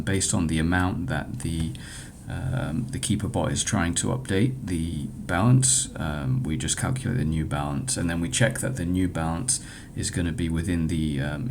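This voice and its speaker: Deep, gravelly man in a hesitant demo. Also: darkish tone. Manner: hesitant, halting, with frequent stumbles. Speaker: hackathon developer presenting own project. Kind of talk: informal screen-share software demo walkthrough. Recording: clear background noise with low rumble.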